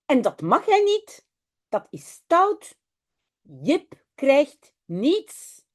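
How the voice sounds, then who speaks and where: A stern but loving storybook father scolds a small boy, piling up emphatic repeats, as a woman reads him aloud. The voice sits high and swings widely in pitch. The delivery is slow and deliberate. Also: huge pitch swings, a little mellow, full character voice. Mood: gently explaining.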